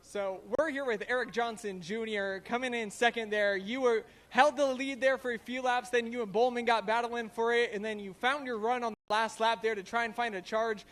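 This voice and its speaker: A man's voice: very high-pitched, steady tone, moderate pace, hardly any pauses, a bit bright. A man interviewing drivers as a trackside reporter at a racetrack, upbeat. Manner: upbeat, rallying the crowd. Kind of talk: post-race interviewer.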